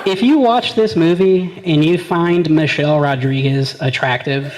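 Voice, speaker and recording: A man's voice: on the high side, measured pace, low-quality recording. A young man doing a rambling, brash stand-up comedy set on stage, acting out his friends' voices. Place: comedy venue with live audience. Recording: live room with audience crowd.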